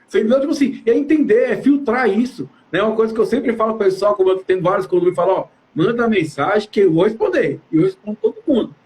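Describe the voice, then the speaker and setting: Fast, very high-voiced man chatting. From Brazil. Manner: animated, slangy, addresses audience directly. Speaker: professional building manager, live co-host. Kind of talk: casual live chat.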